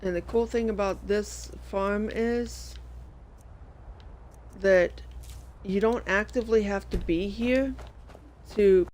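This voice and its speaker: A man's voice: sits high, slow pace, pauses often, darkish tone, slight background noise. A man giving casual, rambling let's-play commentary, often stopping to correct himself. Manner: rambling, self-correcting, many fillers. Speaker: gameplay commentator.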